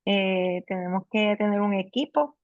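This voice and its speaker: A woman's voice: mid-range voice, a little slow. A woman hosts an online talk, chatty and affirming as she moves the conversation along. Her voice sounds dry, with no room echo. The recording is dull and lo-fi. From Puerto Rico. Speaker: host.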